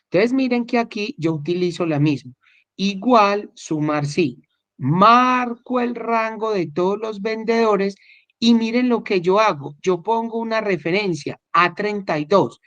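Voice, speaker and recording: A man's voice: high voice, measured pace, fairly bright tone, no echo. A man teaching a class, explaining step by step and often checking that listeners follow. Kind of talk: recorded online spreadsheet class. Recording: dull, dry, lo-fi recording.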